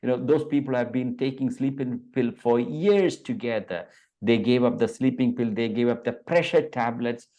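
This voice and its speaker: A man's voice: mid-range voice, fairly even intonation, normal speed, dark tone. A man in his fifties, from India, a Vedanta teacher speaking in an interview over a video call, hesitant and full of fillers and restarts.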